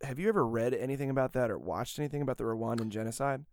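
A man's voice: mid-range voice, lively intonation, racing, a little mellow, no echo, studio quality. An American man chatting casually as a podcast host, rambling, swearing and laughing often. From United States.

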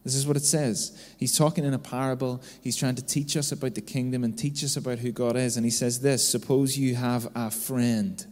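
In a long-reverb hall, a thirty-something pastor gives a storytelling sermon in a conversational style, constantly tacking "right?" onto his lines. His mid-range voice is a little mellow with little pitch movement, fairly quick, with hardly any pauses.

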